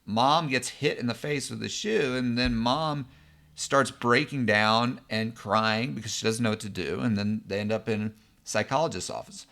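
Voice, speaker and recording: Bright-toned man explaining patiently. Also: mid-range voice, normal speed, gravelly. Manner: conversational, many fillers and check-ins. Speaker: psychologist. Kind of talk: explanatory lesson.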